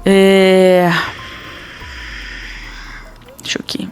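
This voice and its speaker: A woman's voice: mid-range voice, completely flat delivery, unhurried, darkish tone, smooth, faint music behind. A woman pastor with a Brazilian accent, telling a personal testimony in a podcast interview in an earnest, dramatic way. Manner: earnest, dramatic storytelling with quoted dialogue.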